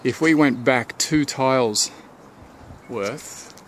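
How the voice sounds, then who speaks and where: Walking around the exterior of his home, under a deck and into the garden, a man reasons through his renovation plans at an easy pace, pausing often with ums and restarts. His voice is medium-pitched and a little bright, captured on a handheld camera he holds, with a bit of hiss or hum.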